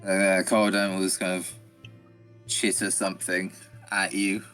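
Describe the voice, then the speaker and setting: A man with a fairly low voice talks casually through a tabletop role-playing game. Clear music plays behind him. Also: flat delivery, a little slow, a bit bright.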